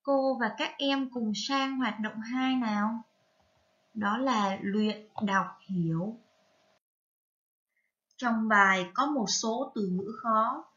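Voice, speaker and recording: A woman with a Vietnamese accent teaching a reading lesson to young children, spelling out syllables carefully and prompting them gently. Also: a little high, muffled recording. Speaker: primary school teacher.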